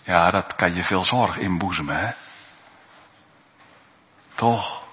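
A male pastor preaching a sermon in a church, slow and earnest, swelling into pleading appeals. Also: sits low. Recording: long reverb, dull sound in a church.

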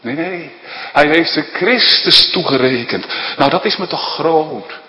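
A man's voice: lively intonation, unhurried, dull audio. Man preaching in an echoey church. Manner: impassioned preaching, swinging between loud rising declarations and low hushed questions. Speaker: pastor. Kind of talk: sermon. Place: church hall. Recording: echoey church hall, long reverb.

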